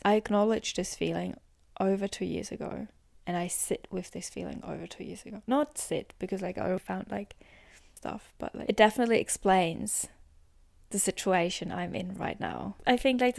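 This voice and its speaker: A young woman hosts a reflective solo podcast, musing in a rambling way, leaning heavily on "like," and sometimes dropping to a whisper. Her voice is medium-pitched, with studio-quality sound and no echo.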